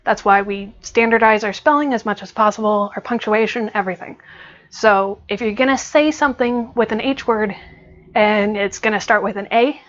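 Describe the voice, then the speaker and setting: An American woman explains grammar in a relaxed, chatty teaching voice, often pausing on fillers. Her pitch sits in a middle range. The recording sounds a little dull and lo-fi. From United States. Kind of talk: online grammar lesson.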